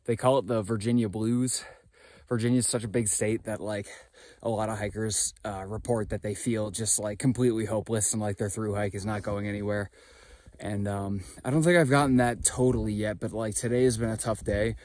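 A young thru-hiker vlogs to camera on a mountain trail, holding his phone at arm's length and joking in a wry, self-mocking way. His fairly low, darkish voice stays steady and fairly quick. The sound is clean, studio-like, with no room sound.

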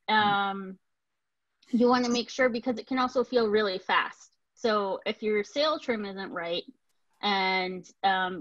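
A woman's voice: mid-range voice, fairly bright tone, no room sound, dull audio. A woman joining a virtual clinic discussion, speaking hesitantly with many filler sounds. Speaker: clinic participant. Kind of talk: casual discussion. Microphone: video call.

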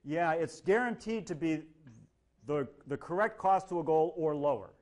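Speaking at a normal speed in a voice on the high side, a man lectures a university class in a lecture hall. His style is lively and joking, and he performs short quoted voices while explaining.

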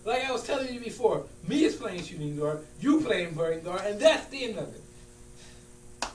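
A man's voice: sits high, big pitch swings, moderate pace. A man acting out a stubborn, muddled, easily riled basketball coach in an argumentative comedy scene. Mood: insistent. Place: large room with small stage, indoors. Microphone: far camera. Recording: distant, echoey room with hum and noise.

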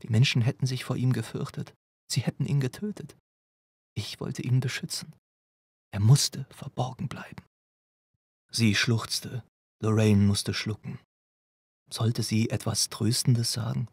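A man narrating an audiobook in an expressive, measured storytelling manner. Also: medium pitch, vocal fry, husky, dry recording, studio quality.

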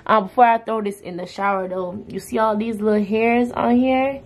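A woman's voice: mid-range voice, fairly even intonation, normal speed. A young woman chatting casually to her viewers as she cleans and sorts things in her bedroom, exclaiming as she goes. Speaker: vlogger. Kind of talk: casual chat. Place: bedroom at home. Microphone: camera on the bed.

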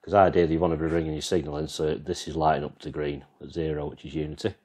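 A man's voice: a bass voice, little pitch movement, fast talker, a little mellow, breathy edge. An English man casually walking through his band's sound mixer, rambling and explaining as he goes, filming on a handheld camera. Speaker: vlogger and band musician. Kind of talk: casual walkthrough demo. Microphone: handheld camera, freehand.

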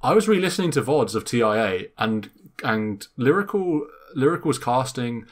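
A man's voice: mid-range voice, big pitch swings, normal speed. A man hosting a casual gaming podcast, chatty and enthusiastic, with many fillers. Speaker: podcast host.

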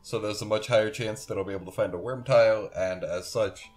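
A man's voice: lowish voice, brisk, darkish tone, faint music behind. A sleepy young man rambling and correcting himself as he comments on a farming game he is playing. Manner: rambling, self-correcting, yawning. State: sleepy, yawning. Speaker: gameplay commentator.

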